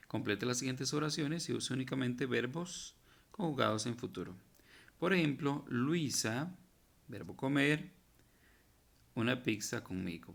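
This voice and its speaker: Slow, gravelly male teacher. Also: mid-range voice, fairly bright tone. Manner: patient, spells out verb forms one by one; corrects himself and points out typos. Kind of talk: recorded grammar lesson.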